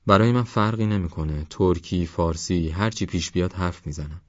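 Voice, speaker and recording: A man's voice: deep voice, dry recording, lo-fi sound, natural voice. A man doing a mild, easygoing young man.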